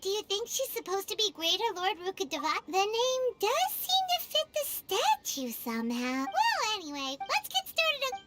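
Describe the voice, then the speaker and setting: A woman voicing a tiny, chatty and excitable floating fairy girl companion in a game, with a high, squeaky voice. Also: normal speed, hardly any pauses, heavily acted. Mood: curious. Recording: game audio with music behind.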